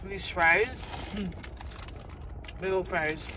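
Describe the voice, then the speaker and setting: A man's voice: high voice, drawn-out words, noisy background. A man chatting casually while eating, talking with his mouth full, humming as he savors the food. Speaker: mukbang vlogger. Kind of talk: casual eating vlog chat.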